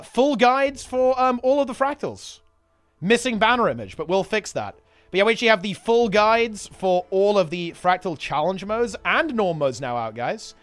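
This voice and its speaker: High pitched streamer dude chatting to viewers, slangy rambly, getting over being sick, music in bg. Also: male voice, a bit bright, smooth. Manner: rambling, slangy, repeating himself. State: getting over a sickness, on medication. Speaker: game streamer and video host. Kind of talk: casual livestream chat.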